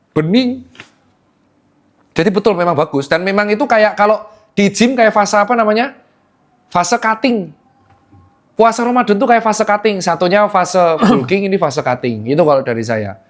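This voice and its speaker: A young man, a doctor hosting a casual health Q&A, explaining with jokes and teasing asides. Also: high voice.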